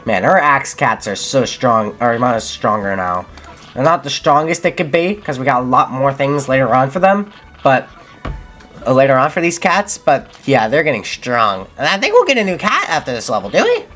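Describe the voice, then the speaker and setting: A man's voice: mid-range voice, very animated, moderate pace, fairly bright tone. A young man giving casual gameplay commentary as a channel host, thinking aloud and correcting himself mid-sentence. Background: faint game music.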